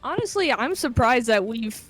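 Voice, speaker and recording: A woman's voice: a little high, sing-song, normal speed, a bit bright, soft background music. A woman playing in a tabletop game, chatting in an easygoing way and swearing freely over an online call. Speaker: player. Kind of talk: casual tabletop game chat.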